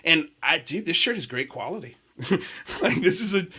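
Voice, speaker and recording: A man's voice: on the high side, animated, moderate pace, bright, forceful tone, breathy edge. A man from Miami hosting a casual podcast livestream, laid-back and chatty, saying "dude" a lot and laughing easily. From Miami, USA. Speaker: podcast host.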